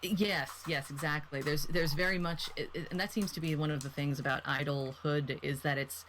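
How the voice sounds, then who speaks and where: A woman's voice: deep voice, steady tone, normal speed, a bit bright, slight background noise. A woman in her thirties, a guest on a podcast, talking casually, laughing often and drifting into tangents. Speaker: guest reviewer.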